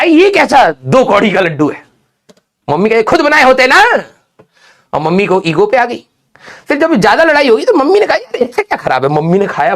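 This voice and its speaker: A male teacher telling a funny childhood story to his class, animated, who keeps checking in with his students with a quick "okay?". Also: sits high.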